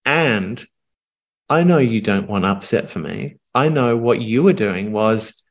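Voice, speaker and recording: Man, middle-aged, communication coach, low voice, calm, earnest, reflective pauses. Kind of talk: coaching conversation on a podcast.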